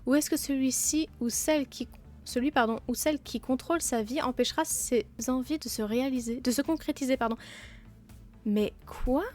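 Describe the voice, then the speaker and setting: A woman's voice: high voice, a little fast, darkish tone, faint music behind. A woman hosting a game let's play, talking casually and self-mockingly with many fillers, sick with a blocked nose and sore throat.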